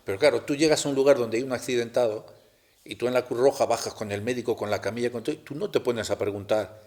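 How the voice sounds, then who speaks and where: A middle-aged man telling a personal story in a talk at a spiritual center, halting and restarting as he goes. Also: medium pitch, darkish tone. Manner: halting, with many restarts and rhetorical tags.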